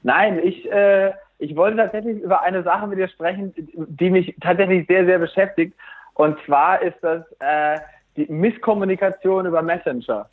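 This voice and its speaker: A man's voice: sits high, normal speed. A man calling in to a live call-in show over the phone, chatting casually and laughing easily. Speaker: caller. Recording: tinny phone line.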